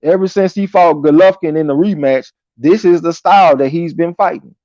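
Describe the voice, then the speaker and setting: Casual male boxing stream host: relaxed tone, slangy and profane, reads chat aloud, dull lo-fi sound. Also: a little high, normal speed, dry recording. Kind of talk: casual live chat commentary, reading viewer comments aloud. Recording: dull lo-fi audio.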